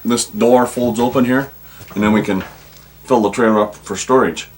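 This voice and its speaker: A man's voice: mid-range voice, fairly even intonation, moderate pace, darkish tone, husky. A man with a Yooper accent from Michigan's Upper Peninsula, chatting casually in a folksy way as he shows someone around a camp. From Midland, Michigan. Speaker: deer camp member being interviewed.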